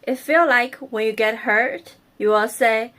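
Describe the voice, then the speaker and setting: A woman with a Chinese accent teaching Mandarin tones, speaking slowly and carefully and drawing out each sound. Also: fairly high pitch, a bit bright. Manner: draws out the tones, slow and careful. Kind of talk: language lesson, slow demonstration.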